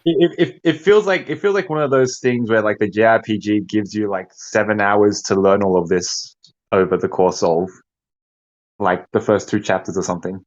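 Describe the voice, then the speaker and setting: A man's voice: fairly low pitch, moderate pace. A man as a guest in a casual chat, asking curious questions. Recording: dull lo-fi mic.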